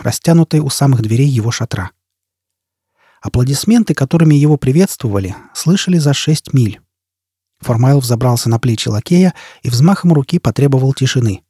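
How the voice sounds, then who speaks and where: A man reading a novel aloud as an audiobook, with lively, theatrical storytelling. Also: mid-range voice, brisk, slightly rough, no room sound, clean studio sound. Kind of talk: audiobook narration.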